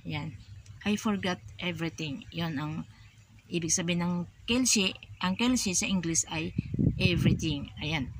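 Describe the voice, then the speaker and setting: A woman's voice: lowish voice, a little slow, long pauses, slight background noise. A woman with a Filipino accent giving a casual spoken language lesson, patiently repeating each word and giving everyday examples. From Philippines. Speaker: language teacher for overseas workers.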